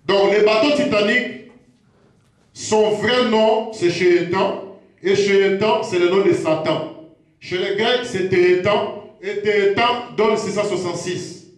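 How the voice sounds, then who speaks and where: A man preaching a teaching sermon, slow and repetitive, pausing to check himself as he goes. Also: sits high. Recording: very echoey room.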